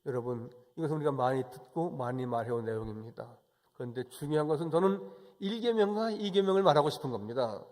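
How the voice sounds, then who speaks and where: A male pastor giving a Sunday sermon, moving from calm, chatty explanation to forceful, raised exhortation. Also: medium pitch, quick pace.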